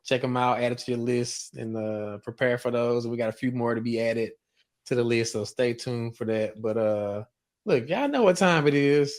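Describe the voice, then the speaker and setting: A man co-hosting a casual book podcast, talking in a relaxed, slangy way and leading the chat between friends. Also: mid-range voice, normal speed. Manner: relaxed, laid-back, uses slang. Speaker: podcast co-host.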